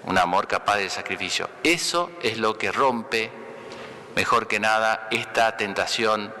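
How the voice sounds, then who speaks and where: A man, a priest, giving a conversational homily, often checking with listeners and pausing to restart phrases. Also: on the low side, sharp tone, in a large hall. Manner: conversational, asks "¿no?" for agreement; pauses and restarts mid-phrase. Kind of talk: spoken homily.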